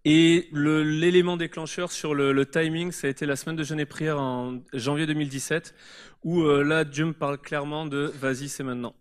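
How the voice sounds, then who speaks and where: A man's voice: fairly high pitch, fairly even intonation, moderate pace. Earnest male author explaining his faith. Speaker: guest author. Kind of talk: live church interview. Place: church service before a congregation.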